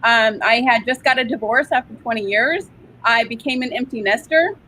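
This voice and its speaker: A woman from San Diego, a guest in an interview, upbeat and quick to laugh. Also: a little high, pushed and bright, a little hiss or hum, poor audio. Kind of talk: interview answers.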